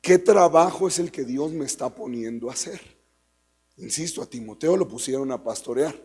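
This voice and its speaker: Emphatic Mexican pastor, husky mellow voice. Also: male voice, mid-range voice, moderate pace. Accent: Mexican Spanish. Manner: emphatic, repeats key phrases, rhetorical questions to the congregation; conversational, addresses listeners as brother. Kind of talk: teaching sermon.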